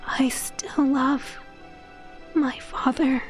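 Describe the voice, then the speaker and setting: Woman playing high-voiced, lovelorn young princess. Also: drawn-out words, faint music behind. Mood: pleading. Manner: archaic, earnest, melodramatic. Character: pleading, lovelorn young princess in stage play.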